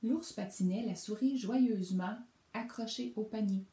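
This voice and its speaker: A woman reading a children's storybook aloud, in an expressive, animated storytelling manner, recorded in an echoey room. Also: medium pitch, a little slow. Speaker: reader.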